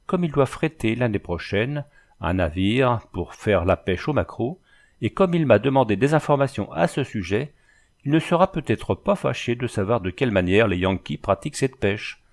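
A man reading a classic novel aloud as scripted narration, in a measured, even storytelling delivery. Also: mid-range voice. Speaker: audiobook reader.

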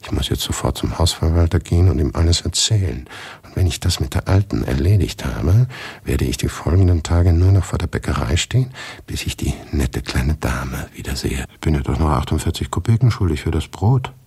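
An actor playing a brooding, irritable male writer, narrating his day in first person for a radio drama, with measured, inward storytelling and sudden bitter turns. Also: rumbling low, expressive, gravelly, darkish tone, slightly rough, no echo, full character voice.

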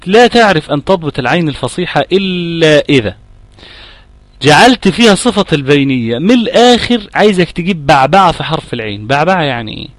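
A middle-aged man with an Egyptian Arabic accent teaches a tajweed lesson on Quran recitation, explaining patiently, demonstrating sounds, and checking that students follow. His voice is fairly high and expressive, he talks fast, and the recording is dry.

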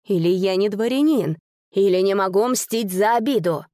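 A woman's voice: medium pitch, normal speed, warm tone, no room sound, studio quality, natural voice. A woman voicing a cowardly older nobleman who stammers and whines, in an audiobook story. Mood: whining. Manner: stammering, whining.

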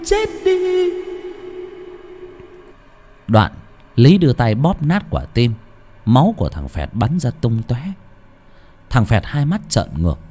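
A man narrating a horror story in an expressive, dramatic way. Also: medium pitch. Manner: expressive, swooping intonation. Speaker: audiobook narrator.

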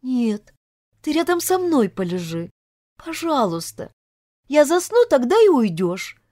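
A woman reading an audiobook, voicing a young woman who pleads tearfully and in a high voice. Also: very animated, a little slow, dark tone, no echo, studio quality, heavily acted. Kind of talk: audiobook character voice.

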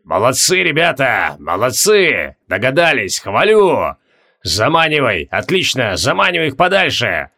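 A male reader puts on a dead old marshal leading troops again. His voice is a harsh, gravelly croak with a sharp edge. He speaks slowly and swoops up and down as he booms commands. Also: wildly swooping pitch, exaggerated voice. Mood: rallying. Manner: booming battlefield commands.

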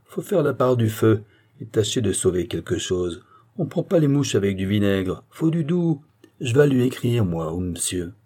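A man's voice: on the low side, very animated, moderate pace, warm tone, slightly rough. A man voicing a shrewd older peasant mother who talks in a homely, folksy way. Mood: scheming.

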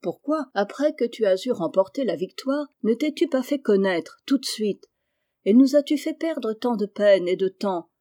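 A woman reading aloud voices an old lord, a soft-hearted father who speaks fondly. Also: fairly high pitch, animated, moderate pace, close to an everyday voice. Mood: fatherly.

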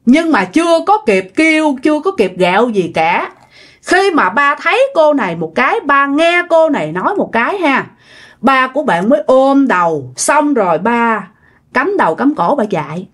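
A woman with a Southern Vietnamese accent tells a ghost story casually, chatting straight to her listeners. Her voice sits a little high and moves with a lively, animated lilt. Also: normal speed. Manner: chatty, addresses listeners directly.

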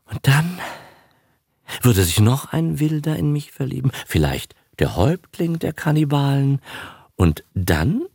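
A man's voice: medium pitch, big pitch swings, measured pace, darkish tone, no room sound, studio quality, voice pushed up, exaggerated voice. A man voicing a vain, naive young female film starlet in an audiobook reading, gushing and dreamy. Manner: breathy, dreamy, gushing chatter. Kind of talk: audiobook character voice.

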